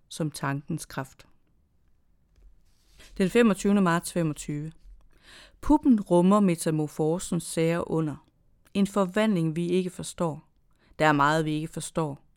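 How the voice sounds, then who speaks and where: Creaky, smooth-voiced literary reader. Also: medium pitch, warm tone, dry recording, studio quality. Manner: slow, measured reading with short phrases and pauses. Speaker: reader of own prose. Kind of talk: literary reading of dated diary entries and a short story.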